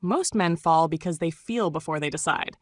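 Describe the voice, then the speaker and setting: Low, commanding woman narrator. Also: dry recording. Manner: emphatic, commanding declarations in short measured phrases. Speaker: audiobook narrator. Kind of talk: scripted self-help audiobook narration.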